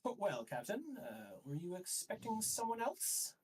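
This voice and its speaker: [name], a man voicing a smug high inquisitor. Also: wildly swooping pitch, a little slow, a little mellow, husky, full character voice. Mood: smug menace. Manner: smirking, silky authority. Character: smug scheming male high inquisitor, cold and commanding. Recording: voice a bit far from the mic.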